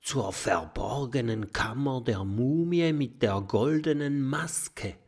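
Nervous professor, whispering, secretive, slow, lively pitch, voiced by a man. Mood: fearful whisper. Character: nervous timid male professor, adult.

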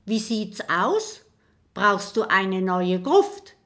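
A woman's voice: mid-range voice, big pitch swings, drawn-out words, a bit bright, exaggerated voice. A woman voicing a moody, theatrical female castle ghost in an audiobook. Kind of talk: audiobook character voice.

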